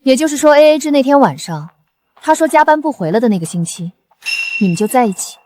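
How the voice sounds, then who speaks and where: Composed resolute designer heroine. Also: female voice, high voice, very animated, fast talker, a little mellow, a little hiss or hum. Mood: cold. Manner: cool, composed, cutting. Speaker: chief designer.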